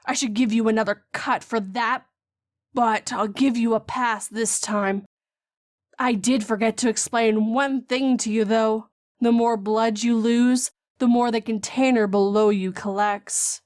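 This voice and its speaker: A woman voicing a vengeful grieving mother who speaks calmly and mockingly in a horror story. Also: a little high, no echo, clean studio sound, lightly acted. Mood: coldly menacing. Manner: slow, calm and mocking.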